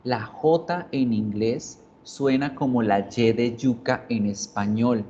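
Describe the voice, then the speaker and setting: A man gives an online English lesson at an unhurried pace, going over each point carefully and repeating example words again and again. His voice sits at a mid pitch. The recording is a little muffled, with a faint hiss underneath. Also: warm tone. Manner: explains slowly, repeating example words several times. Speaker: English teacher. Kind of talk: online video class.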